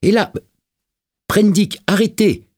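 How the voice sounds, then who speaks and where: A man's voice: on the high side, sing-song, a little fast, darkish tone, breathy edge, voice pushed up. A man voicing a harried, anxious male assistant in an audiobook, speaking urgently in a raised voice. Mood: shouting.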